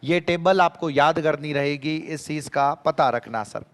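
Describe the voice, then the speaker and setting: A man teaching an exam-prep grammar lesson, animated, repeating key phrases and quizzing his students. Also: on the high side, a little slow, in a large hall.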